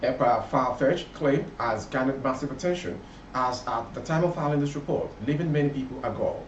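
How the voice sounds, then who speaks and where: A Nigerian newsreader with a medium-pitched voice reads a scripted bulletin fairly quickly, in a formal, declarative style. The recording is dull and muffled, sounding distant and roomy with lots of echo and faint background noise.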